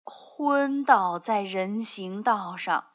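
A woman reading a children's picture book aloud, telling the story slowly and expressively. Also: medium pitch, expressive, a bit bright. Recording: dull lo-fi recording.

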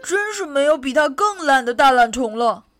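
A woman voicing a crowd of eager little frog brothers who call out excitedly in a storybook. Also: sits high, normal speed, faint music behind, pitched above the performer's own voice. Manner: excited calling out.

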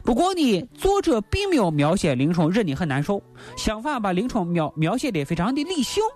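A man's voice: high voice, big pitch swings, fairly quick, a little mellow. A man co-hosting a radio show, telling and commenting on a classic story in colloquial language with rhetorical questions. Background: faint music.

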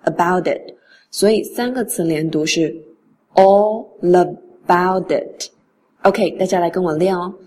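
A woman teaching English pronunciation in a relaxed spoken lesson. She reads English phrases slowly and then explains them in Mandarin. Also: lowish voice, breathy edge.

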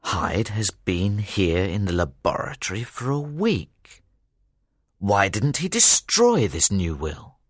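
A man's voice: very animated, slightly rough, no room sound, studio quality, full character voice. A man playing a grave, formal lawyer. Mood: puzzled. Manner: measured, formal, with sweeping pitch. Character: serious middle-aged male lawyer, measured and grave. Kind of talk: audiobook character voice.

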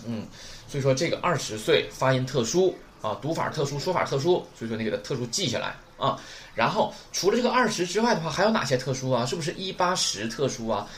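Lively male language teacher. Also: mid-range voice, quick pace, a little hiss or hum. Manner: patient, repeats key points, asks rhetorical questions. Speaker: Japanese teacher. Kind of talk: recorded lesson for Chinese learners.

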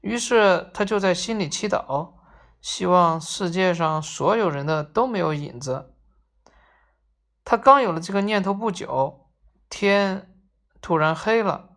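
A woman narrates a children's story in a gentle, expressive way. Her pace is very slow and unhurried, and her voice sits on the lower side. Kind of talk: reading a children's story aloud.

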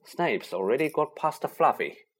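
A man voicing a brave schoolboy who speaks quietly and urgently. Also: on the high side, sing-song, a little slow, breathy edge, exaggerated voice. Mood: hushed. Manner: hushed, urgent. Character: brave young schoolboy leader, steady and tense.

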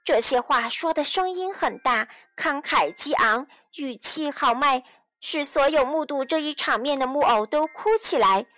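High-voiced woman reading a children's story. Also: lively intonation, measured pace. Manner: warm, addresses young listeners directly. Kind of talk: children's audio storybook narration.

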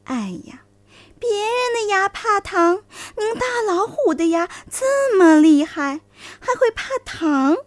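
A woman voicing a cunning male fox in a children's story, flattering and wheedling. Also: very high-pitched, slow pace, dry recording, pitched above the performer's own voice, exaggerated voice. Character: sly smooth-talking male fox.

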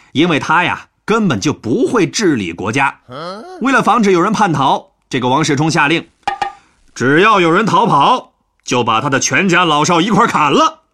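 A man's voice: on the high side, fairly bright tone. A man telling a history lesson as a chatty, playful story. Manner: chatty, playful, with sentence-final particles.

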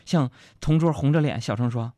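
A man, hosting and reading listener jokes in a chatty way with drawn-out fillers. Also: mid-range voice, warm tone, no echo, clean studio sound. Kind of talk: comic joke reading.

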